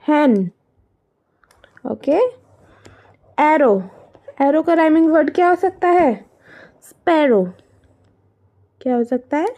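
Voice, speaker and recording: In a lo-fi recording, a woman with an Indian accent teaches young children from a workbook in a mix of Hindi and English, asking questions and answering them herself. Her high, mellow voice is slow, with frequent pauses, as befits a primary school teacher.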